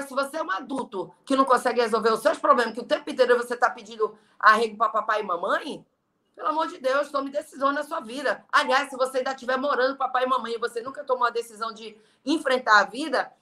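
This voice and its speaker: High bright-voiced blunt Brazilian woman. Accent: Brazilian Portuguese. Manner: blunt, emphatic, preachy. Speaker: guest, entrepreneur and online leader. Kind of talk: motivational interview talk.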